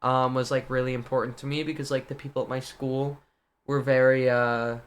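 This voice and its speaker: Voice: medium pitch, flat delivery, brisk, a little hiss or hum. A young adult content creator from the US Midwest, chatting casually on a livestream in a playful, joking manner and talking to the chat. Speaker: guest content creator and streamer.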